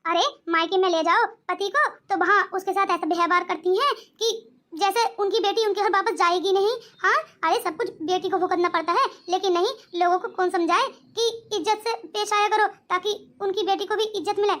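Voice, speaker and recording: A woman voicing a sharp-tongued middle-aged mother-in-law in a cartoon, scolding and laughing at her family. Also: very high-pitched, fairly even intonation, brisk. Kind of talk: cartoon voice acting.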